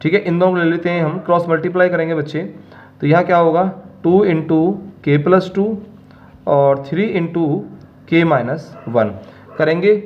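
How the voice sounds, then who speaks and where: A man's voice: a little high, steady tone, a little slow, lo-fi sound. A male maths teacher explaining problems step by step and checking in with his students. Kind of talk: classroom maths lesson.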